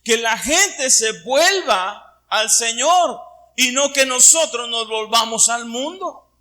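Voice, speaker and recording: Sharp-toned and very high-pitched, this animated middle-aged pastor takes his time as he preaches a Sunday sermon and questions his congregation. He comes from Puerto Vallarta and carries its Mexican Spanish accent.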